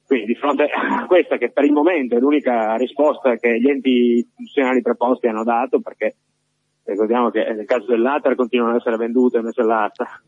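A man's voice: mid-range voice, steady tone, a little fast, husky, dry recording. A man calling in a live field report over the phone, earnest and hesitant with many fillers. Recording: dull lo-fi phone line.

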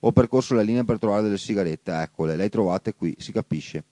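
A man's voice: on the low side, fast, mellow, no echo, natural voice. A man reading as a devoted young soldier orderly. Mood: dutiful. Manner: short dutiful replies.

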